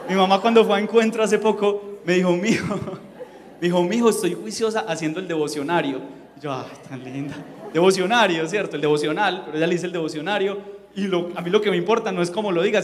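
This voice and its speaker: High-voiced man preaching in a hall. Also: a little hiss or hum. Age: 30s. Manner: conversational and joking, asks the congregation questions. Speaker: pastor. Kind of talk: sermon. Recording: echoey hall.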